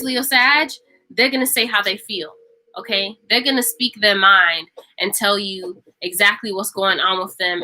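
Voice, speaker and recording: A woman's voice: mid-range voice, pushed and bright, rough recording. A woman giving a casual tarot reading to camera. She talks emphatically and repeats phrases for stress. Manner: acts out imagined speech. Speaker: tarot reader.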